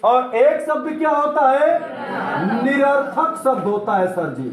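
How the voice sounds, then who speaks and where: A man's voice: very high-pitched, sing-song, slow pace, roomy sound, a crowd in the background. A male coaching teacher, giving a motivational exam-prep lesson and asking and answering his own questions.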